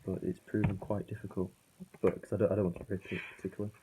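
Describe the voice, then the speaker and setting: Speaking rapid-fire in a low-pitched, husky, warm voice with flat delivery, a British man reviews an album in casual, unscripted vlog chat. He wanders, hesitates, and corrects himself, all muffled over a failing phone.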